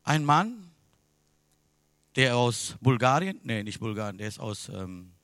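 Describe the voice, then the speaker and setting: A man preaching a sermon in non-native German with grammar slips, swinging from loud, impassioned passages to hushed ones. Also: medium pitch, sing-song, measured pace, no room sound. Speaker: pastor. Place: church service.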